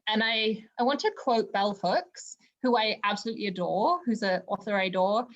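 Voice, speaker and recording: A woman's voice: medium pitch, normal speed. A woman from Zimbabwe, a podcast guest talking over a remote call from home, earnest and reflective, with many fillers. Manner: earnest and reflective, with frequent fillers like "you know". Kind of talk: casual interview conversation.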